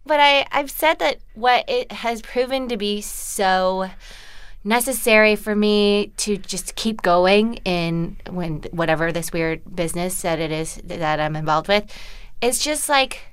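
A woman's voice: mid-range voice, unhurried, clear, resonant tone, dry recording, clean studio sound. A woman who grew up with Korean as her first language, chatting as an interview guest in a rambling, self-deprecating way. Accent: American. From born in Los Angeles to Korean parents. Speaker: actress guest. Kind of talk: casual interview chat.

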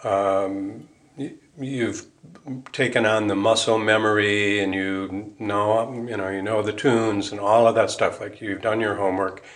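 Speaking a little slowly in a low, flat voice, an American man answers an interviewer's questions. As a musician and Buddhist priest, he reflects casually, thinking aloud and rephrasing his ideas.

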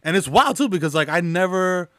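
With a high, slightly bright voice and lively intonation, a Bronx man talks fairly quickly as a guest in a laid-back interview. Spanish is his first language, he carries a New York accent, he's in his thirties or forties, and he laughs often while using lots of slang and fillers. The studio-quality recording has no room sound.

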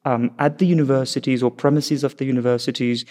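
A man interpreting an official's answers into English as a translation voice-over, in formal diplomatic wording and halting, with frequent filler sounds and restarts. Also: medium pitch, steady tone, dark tone. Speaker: interpreter for a foreign minister. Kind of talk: live consecutive interpretation into English.

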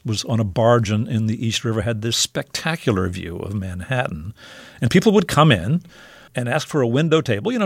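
A man's voice: mid-range voice, no room sound. A man interviewing a guest, asking curious follow-up questions.

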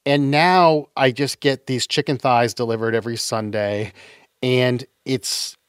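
A man's voice: mid-range voice, fairly even intonation, unhurried, smooth, no room sound, clean studio sound. A man co-hosting a podcast, talking in a casual, matter-of-fact and self-deprecating way. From Canada, raised in Utah. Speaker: podcast co-host. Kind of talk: casual chat.

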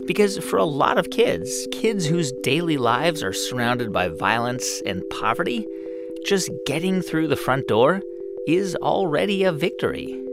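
Lively male radio host over music. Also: on the high side, unhurried. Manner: storytelling, building emphasis. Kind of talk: scripted radio narration.

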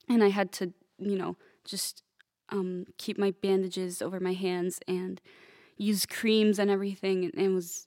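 A teenage girl from Italy, a young pianist guest, answering interview questions in a soft, hesitant way with many fillers. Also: medium pitch, dry recording, clean studio sound. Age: teens.

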